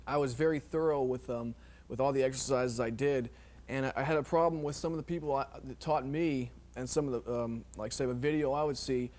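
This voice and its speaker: A man teaching drum technique in a relaxed, rambling way, full of ums and you knows. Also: mid-range voice. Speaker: drum instructor. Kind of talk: casual instructional explanation.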